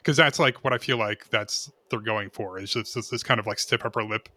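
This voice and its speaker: A man talking casually about film as a podcast panelist, halting often and peppering sentences with filler words. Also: fairly low pitch, bright, forceful tone, no echo.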